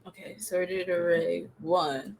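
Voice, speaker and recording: A woman's voice: on the low side, fairly even intonation, gravelly, a little mellow. Chatty young woman asking coding questions. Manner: chatty, checks her understanding with quick questions. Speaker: host coding with her husband. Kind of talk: casual live-stream chat.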